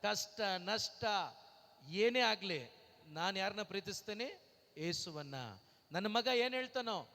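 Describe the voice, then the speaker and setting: A man's voice: high-pitched, bright, forceful tone. A man preaching a sermon, asking the congregation rhetorical questions and calling out hallelujahs between lines. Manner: breaks into slow sung lines. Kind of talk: Pentecostal-style sermon. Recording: long reverb in a hall.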